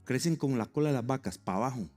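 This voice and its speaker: A man with a Colombian accent, preaching a sermon in a lively, joking way and acting out stories. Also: mid-range voice, fast talker, faint music behind. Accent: Colombian Spanish. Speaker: pastor.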